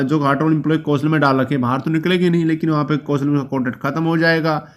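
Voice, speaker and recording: A man with a fairly high voice hosts a YouTube channel, explaining a job policy in an informal way. He sounds reassuring and explanatory, and he often wraps up a point with "ठीक है".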